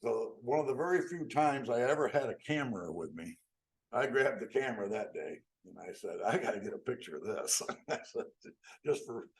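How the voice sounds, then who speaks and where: A man's voice: medium pitch, moderate pace. An older man from upstate New York, telling stories to a membership meeting in a folksy way and acting out the quotes. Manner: folksy, acts out quotes with rising excitement. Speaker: guest speaker. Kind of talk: storytelling talk.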